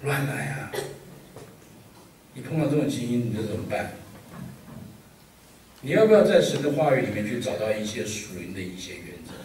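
A man's voice: mid-range voice, moderate pace, pauses often. Pastor guy preaching, cracks jokes, keeps asking the crowd questions, faint hum behind, mic far away. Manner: lively, joking, full of rhetorical questions. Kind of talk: sermon. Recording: echoey hall, voice from a distance.

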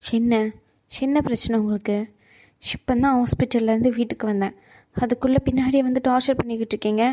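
A woman's voice: on the high side, fairly even intonation, quick pace, dark tone, natural voice. A woman doing a tense young cartoon mother. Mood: irritated. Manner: irritated then apologetic. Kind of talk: cartoon voice acting.

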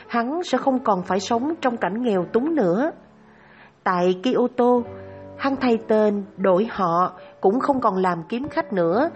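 A woman storyteller narrating a Buddhist moral tale in a measured, even way. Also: medium pitch. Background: soft instrumental music.

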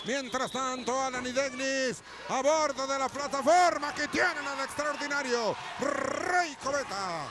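High-pitched theatrical Mexican wrestling commentator, a man. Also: a little slow, hardly any pauses, very noisy. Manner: florid wording, indignant, theatrical. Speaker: wrestling commentator known as the doctor. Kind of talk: live lucha libre wrestling commentary. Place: ringside commentary table in indoor arena.

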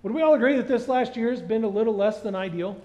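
Man, middle-aged, pastor, sermon, fairly high voice, long hall reverb, muffled sound. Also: fast. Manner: animated, asks the congregation questions. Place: large church stage.

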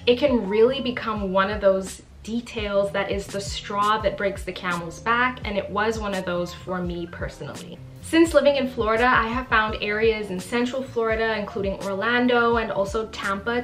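A woman's voice: mid-range voice, a bit bright. Brief chatty, emphatic woman in her twenties from the Bahamas, vlogging to camera at close range, faint music underneath. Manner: chatty and emphatic, often says literally. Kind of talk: casual talking-to-camera vlog. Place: small bright living room indoors.

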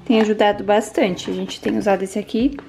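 A woman's voice: medium pitch, fairly even intonation, a little fast, creaky, background noise. A young mother, chatting casually at home and doting on her baby. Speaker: mother and vlogger. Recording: background music.

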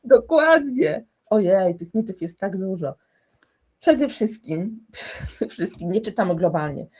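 A woman's voice: mid-range voice, animated, slow pace, a little mellow, slightly rough. A woman speaking as a guest expert in a conversational interview, explaining emphatically and restarting often.

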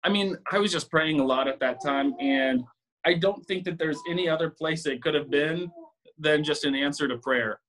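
A man's voice: a little high, normal speed, fairly bright tone, slight background noise, rough recording. A man being interviewed, speaking earnestly and reflectively with frequent hesitations. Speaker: interview guest, stunt double. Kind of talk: casual interview chat.

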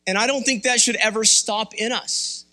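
High-voiced, bright-toned man preaching. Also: fairly even intonation, moderate pace. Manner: conversational, candid, rousing. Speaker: pastor. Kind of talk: sermon. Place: church sanctuary.

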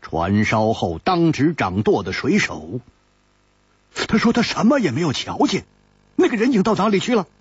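Brief: husky male storyteller, sweeping dramatic pitch, dry dull lo-fi recording. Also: very animated, no room sound. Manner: slow, dramatic storytelling cadence. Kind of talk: pingshu-style audiobook narration.

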